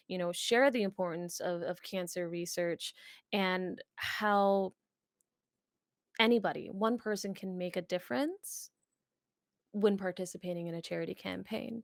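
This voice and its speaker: An earnest woman streamer talks through her answers in a casual, heartfelt way. Her mid-pitched voice carries a gravelly edge. The sound is dry and close. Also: dry recording. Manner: earnest, many fillers and restarts, warm emphasis. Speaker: streamer and charity fundraiser.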